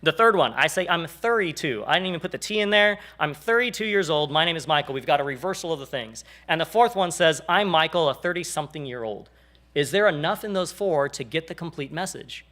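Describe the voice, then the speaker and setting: A man's voice: on the high side, lively intonation, a little fast, sharp tone. A man in his forties teaching a church class in a casual, jokey way, acting out the people he quotes.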